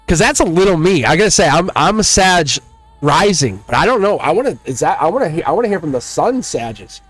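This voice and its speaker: Male tarot host, middle-aged, Boston accent. Very lively intonation, slangy and exclamatory, dry close sound with faint music. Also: on the high side, brisk, no echo. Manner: exclamatory, slangy, addresses viewers directly. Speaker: tarot reader and channel host. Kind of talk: casual, rambling zodiac tarot reading to viewers.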